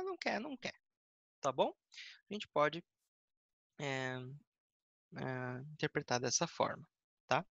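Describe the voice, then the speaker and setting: A male English teacher patiently explaining grammar to a class, often pausing to check that everyone follows. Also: a little high, creaky, fairly bright tone, no room sound, highs cut off. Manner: patient, checks understanding with frequent "tá?" and "né?"; explains by paraphrasing the same point several ways.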